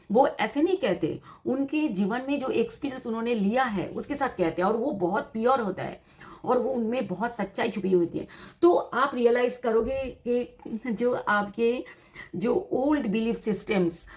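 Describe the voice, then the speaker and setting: Teacherly woman giving a tarot reading. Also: mid-range voice. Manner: explanatory, teacherly, repeats points, mixes in English terms. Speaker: tarot reader. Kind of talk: tarot reading monologue to viewers.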